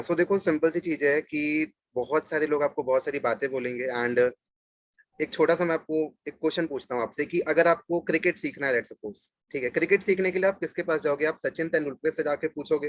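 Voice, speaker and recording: A man's voice: fairly high pitch, fairly quick, dry recording. A man on a webinar panel giving business advice, explaining with everyday examples in mixed Hindi and English. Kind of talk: motivational panel talk.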